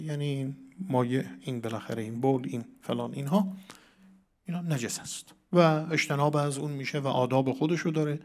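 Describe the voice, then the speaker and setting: A man giving a religious lecture on a Quran verse, reciting Arabic verses and putting questions to his listeners that he answers himself. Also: a little high. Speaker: cleric teaching Quran commentary.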